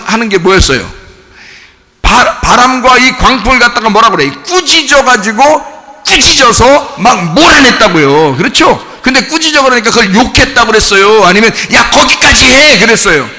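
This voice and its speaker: A man's voice: high voice, sharp tone, long reverb tail. A male pastor preaching a sermon, emphatic and full of rhetorical questions to the congregation, acting out quoted lines. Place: church sanctuary.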